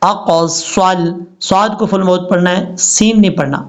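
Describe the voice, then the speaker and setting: A man teaching Quran recitation, chanting words slowly and drawn out between quick, plain explanations. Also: sits high. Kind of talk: recitation lesson.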